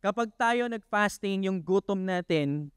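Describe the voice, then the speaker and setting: A man preaching a casual, conversational sermon who peppers the congregation with questions and laughs, stumbles through fillers and then builds to excited emphasis. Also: high-pitched, unhurried, clean tone, dry recording, clean studio sound. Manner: chatty, asks the congregation questions, laughs often. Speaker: pastor. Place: church worship hall.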